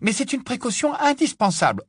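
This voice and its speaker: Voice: medium pitch, very animated, brisk, husky, dry recording, clean studio sound, voice pushed up. A reader voicing an eager, determined teenage girl witch in an audiobook, breathless and urgent. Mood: insistent.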